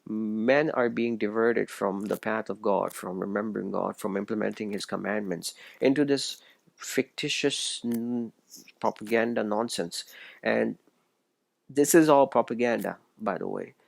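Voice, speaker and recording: Gravelly low-voiced man preaching. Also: unhurried, no echo. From Pakistan. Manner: earnest and preachy, stumbles and restarts phrases. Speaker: video essayist. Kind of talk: solo religious commentary monologue.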